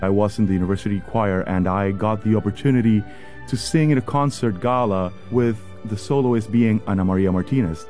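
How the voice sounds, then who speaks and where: A man's voice: fairly low pitch, brisk, a little mellow, soft background music. A man from Puerto Rico, an opera singer, sincerely telling how he was inspired. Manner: sincere, reflective.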